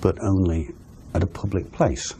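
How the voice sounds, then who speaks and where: A man's voice: low-pitched, fairly even intonation, moderate pace, loud music behind the voice. A middle-aged man giving sober answers in an interview. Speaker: interviewee, father of a victim.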